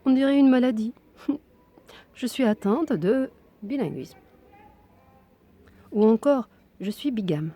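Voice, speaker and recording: A woman giving an expressive, intimate reading of a literary text, her voice sometimes dropping to a whisper. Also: on the high side, takes it slowly, pauses often. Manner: hushed, intimate delivery that drops into whispers.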